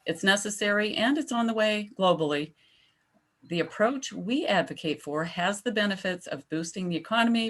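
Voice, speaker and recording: A woman with a low, steady voice presents a policy proposal to a town board during public comment at a town meeting. A climate advocate, she explains patiently and slows down to emphasize her key points.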